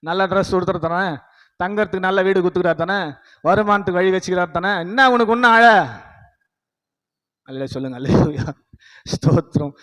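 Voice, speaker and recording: High-voiced preacher in an echoing hall. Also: male voice, fairly bright tone. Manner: repeats "praise the Lord" and calls the congregation to say hallelujah; scolding, preachy, asks the congregation rhetorical questions. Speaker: pastor. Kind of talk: sermon.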